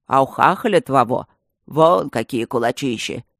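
A man voicing a rowdy, mocking male stone gargoyle who speaks loudly and low. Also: expressive, normal speed, no echo, studio quality. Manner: loud, deep and mocking.

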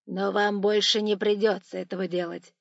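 A woman reading a story aloud, voicing a stern masked male robber who threatens and shouts. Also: medium pitch, flat delivery, normal speed, gravelly, no room sound, lo-fi sound, lightly acted. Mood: menacing.

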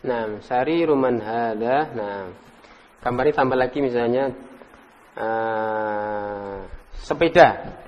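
Reverberant religious teacher drilling students. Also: male voice, mid-range voice, muffled recording. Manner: quizzes students by name, praises answers, repeats drill words slowly. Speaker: Islamic teacher leading an Arabic class. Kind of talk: interactive classroom lesson. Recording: reverberant room recording.

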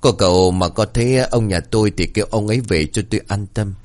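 A man's voice: fairly low pitch, brisk, darkish tone, natural voice. A man voicing a distraught village wife who pleads with her neighbours in a wailing manner. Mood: worried.

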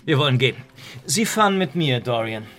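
An actor playing a witty, worldly lord in a literary radio drama, suave and condescending, speaking in polished epigrams. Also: male voice, medium pitch, lively intonation, a little fast, a bit bright, soft background music, close to an everyday voice. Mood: brisk. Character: cynical, worldly English lord, witty, languid tempter.

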